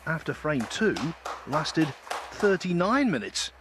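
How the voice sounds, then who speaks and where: A man's voice: fairly high pitch, sing-song, takes it slowly. Articulate male snooker commentator over faint noise. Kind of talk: live sports commentary.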